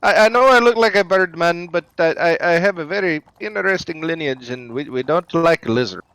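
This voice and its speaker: A man's voice: fairly high pitch, fairly quick, a bit bright, clear, resonant tone, no room sound, poor audio. A man playing his character in a tabletop game, talking sternly and commandingly in first person. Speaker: player.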